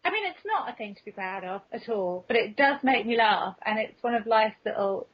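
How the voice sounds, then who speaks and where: A woman with a rather high, animated, slightly rough voice talks fairly quickly as a podcast guest. She's candid and casual, telling self-deprecating comic anecdotes, and the audio is dull, muffled and lo-fi.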